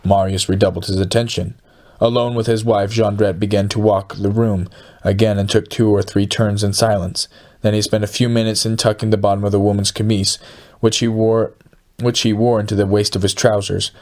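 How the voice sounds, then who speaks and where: A man narrating an audiobook in a steady, measured reading. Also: fairly low pitch.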